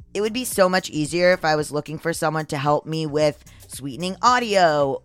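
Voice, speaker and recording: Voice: a bit bright, clear, resonant tone. Androgynous podcast host reading ads over music. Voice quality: androgynous, testosterone-deepened voice with some strain. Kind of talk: scripted ad reads with personal asides.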